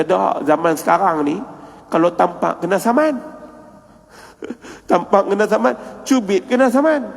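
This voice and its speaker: A man's voice: high voice, vocal fry. A man with a Kedah Malay accent giving a humorous mosque lecture, telling stories and acting out the dialogue. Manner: storytelling, jokey, acts out dialogue. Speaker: religious lecturer. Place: mosque hall. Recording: reverberant mosque hall.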